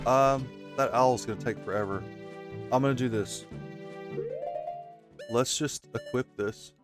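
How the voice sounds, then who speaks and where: A man with a medium-pitched voice talks a little slowly while casually chatting through a video game. As a gaming video host doing let's-play commentary, he rambles with lots of fillers and speaks straight to his viewers. Game music plays in the background.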